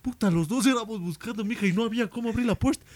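Fast-talking young man storyteller. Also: sits high, slight background noise. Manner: rambling, slangy, animated storyteller who keeps saying "loco" and "mija". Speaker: podcast co-host. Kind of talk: casual storytelling chat.

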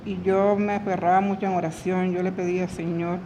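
A woman's voice: lowish voice, flat delivery, dark tone, low-quality recording. Lady telling her church testimony, stops and restarts, repeats herself a lot, faint hiss behind. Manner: repetitive, halting, retells prayers in quoted speech. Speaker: church member giving testimony. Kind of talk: emotional religious testimony.

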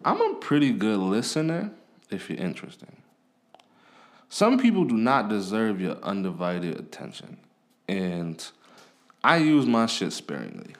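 A man's voice: on the low side, huge pitch swings, measured pace. A man hosting a podcast, talking in a blunt, profane, casual rant. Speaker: podcast host. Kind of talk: casual ranting monologue.

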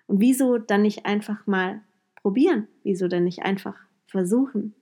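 A woman's voice: mid-range voice, normal speed, mellow. A woman hosting a motivational podcast monologue, earnestly retelling a coaching talk and often tagging her sentences with a questioning "ja?". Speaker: podcast host and life coach.

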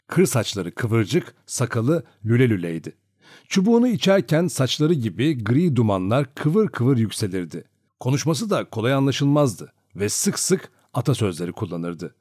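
Expressive male audiobook narrator. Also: medium pitch, dry recording, studio quality. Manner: expressive storytelling. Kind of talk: scripted narration of a novel.

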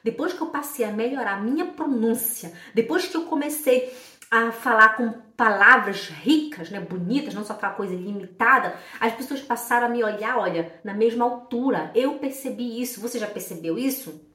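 Chatty lady teacher going over german words slowly, kinda high voice, echoey room, sounds a bit far from the mic. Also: sharp tone. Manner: chatty, repeats words slowly to model pronunciation. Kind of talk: casual online language lesson.

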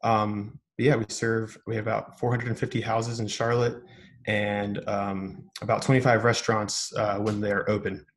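Man podcast guest, lowish voice, flat delivery, steady explaining. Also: normal speed. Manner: steady, explanatory, frequent ums. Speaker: podcast guest, business owner. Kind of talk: casual interview talk.

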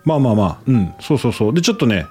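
A man speaks in a casual Osaka-area Kansai accent with very lively intonation. He banters as a co-host, dropping blunt quips and quick interjections. Music plays under his voice. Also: mid-range voice, husky.

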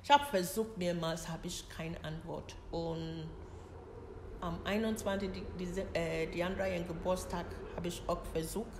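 A middle-aged woman from Ghana, a mother telling a personal story in halting, broken German full of pauses and fillers. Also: lowish voice, fairly even intonation. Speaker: interviewee, mother of the host. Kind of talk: personal story told in conversation. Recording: roomy echo with faint noise.

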